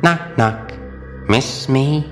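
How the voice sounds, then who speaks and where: An actor playing an unhinged, theatrical crime-boss clown in an audio drama, with a mocking, drawn-out delivery. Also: male voice, mid-range voice, faint music behind.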